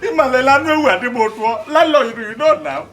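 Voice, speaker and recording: An actor playing a defensive, gossiping tenant and cook in a Nigerian comedy film, speaking Nigerian Pidgin. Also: male voice, extremely high pitch, moderate pace, creaky, exaggerated voice. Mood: accusing. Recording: loud music behind the voice.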